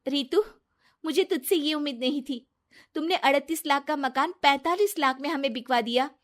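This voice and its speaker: A woman voicing a trusting, kind-hearted young wife who speaks earnestly and gently. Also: high-pitched, normal speed, lightly acted.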